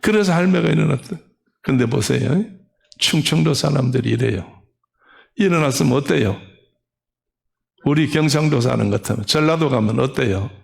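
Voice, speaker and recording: Gravelly-voiced Korean pastor preaching. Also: male voice, medium pitch, moderate pace, pauses often. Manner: animated, acts out old women's dialect voices. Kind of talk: sermon with storytelling.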